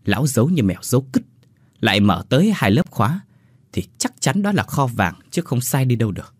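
A man voicing a scheming young male village thief who talks fast and urgently, raised and higher than his narration. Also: very animated, breathy edge, no room sound.

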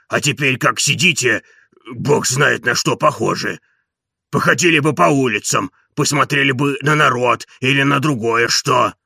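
A man's voice: mid-range voice, creaky, pushed and bright, husky, no room sound, studio quality, full character voice. A man reading an audiobook and voicing a timid, grumbling old male servant who mumbles and pleads.

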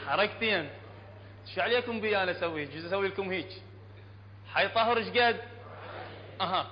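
Iraqi man teaching tajweed, high voice, often checks with the class, dull lo-fi hall recording with faint hum. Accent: Iraqi Arabic. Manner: explains plainly, checks often with the class, chants verses slowly. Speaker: Quran recitation teacher.

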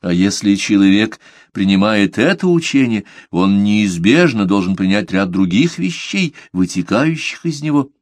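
A man voicing a devout male merchant who answers politely, measured and quietly firm, in an audiobook. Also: fairly low pitch, sing-song, no room sound, studio quality. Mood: composed. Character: calm devout male merchant under questioning. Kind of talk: audiobook character reading.

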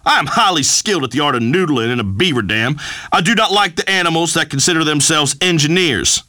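A boorish rural talk radio host, all bluster and pompous decrees, in a game's radio show. His voice sits slightly high and swings widely in pitch, with a bright, forceful edge and a dry, close sound. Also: lively intonation, fairly quick, dry recording. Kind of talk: comedic talk radio monologue.

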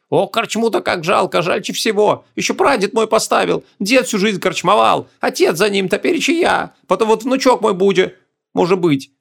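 A man's voice: high voice, gravelly, a bit bright, voice pushed up, exaggerated voice. Man doing a fretful old rustic innkeeper. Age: 60s. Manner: rustic folksy speech, fretful whining. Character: old grumbling rustic male innkeeper, fearful.

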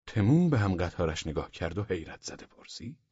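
A man narrating a humorous story as an audiobook, in a warm, measured way with soft half-whispered passages. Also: low-pitched, fairly even intonation, husky, no room sound. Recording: dull lo-fi dry audiobook recording.

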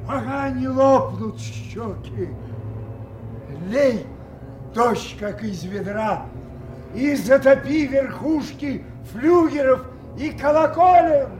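A man's voice: extremely high pitch, lively intonation, exaggerated voice. An actor playing an anguished old king who rages at a storm in grand, impassioned Russian stage tragedy verse. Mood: raging, commanding. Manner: grand, drawn-out, impassioned declamation. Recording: echoey studio drama with loud music.

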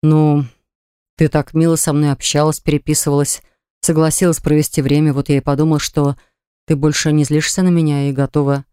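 Audiobook: woman reader doing a young man, low and earnest, pleading, sulky. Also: flat delivery, brisk, warm tone, smooth, dry recording, clean studio sound, lightly acted. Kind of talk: audiobook dialogue.

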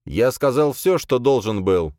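A man's voice: medium pitch, expressive, unhurried, a little mellow, no echo, clean studio sound, pitched above the performer's own voice, close to an everyday voice. A man voicing a bewitched, confused young man who speaks earnestly and with anguish.

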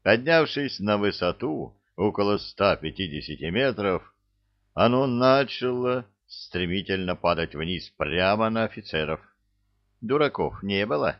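Gravelly male audiobook narrator. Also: on the low side, unhurried. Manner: lively, expressive reading. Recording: dull lo-fi audio.

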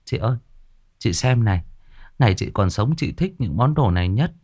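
A man doing a soft-spoken young servant girl. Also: fairly low pitch, animated, moderate pace. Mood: tender. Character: young servant girl, wry and quietly defiant.

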